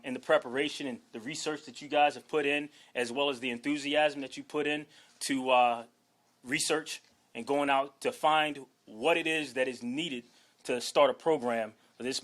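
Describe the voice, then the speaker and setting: A man's voice: mid-range voice, fairly bright tone. A man from Washington, D.C., in his forties, a new head football coach giving an earnest, emphatic introductory speech and often tagging lines with "okay?". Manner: emphatic, punctuates with "okay?" and "all right?"; earnest, holding back emotion. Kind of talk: introductory press conference speech.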